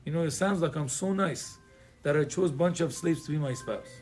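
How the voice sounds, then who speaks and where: A man's voice: on the high side, normal speed, darkish tone, faint music behind. A man from Iran, a rabbi teaching an informal Torah class in a conversational, digressive way with joking asides and plenty of fillers.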